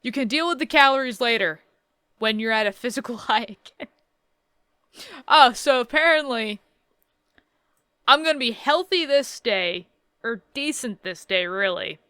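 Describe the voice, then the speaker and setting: A woman's voice: on the high side, animated, moderate pace, long pauses, bright, forceful tone, clear, resonant tone, dry recording, studio quality. A woman in her thirties casually reading game text aloud and adding wry, joking asides in a playthrough. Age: 30s. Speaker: let's play host.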